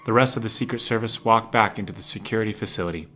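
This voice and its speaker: Reading scripted drama narration, a man with a fairly low voice describes the action in the present tense while faint music plays beneath. He talks fast, and his delivery sounds pushed and bright.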